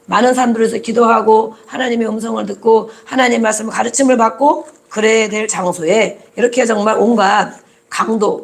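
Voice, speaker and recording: A preacher delivering a sermon in a voice with a gravelly, creaky grain. The delivery is emphatic and lively, with the voices of ordinary people acted out now and then to make a point. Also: mid-range voice. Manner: emphatic, acts out crowd voices in quotes.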